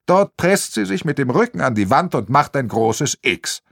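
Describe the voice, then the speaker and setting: A man's voice: a little high, very animated, normal speed, creaky, no echo. A man narrating a crime novel in a wry storytelling manner on a close mic. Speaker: audiobook narrator.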